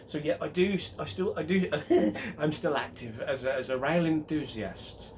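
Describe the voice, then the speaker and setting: Speaking at normal speed in a fairly high, slightly mellow voice, a man vlogs casually about his model railway layout from a tripod camera indoors. He rambles chattily, interrupting himself and restarting sentences, and there's a little background noise.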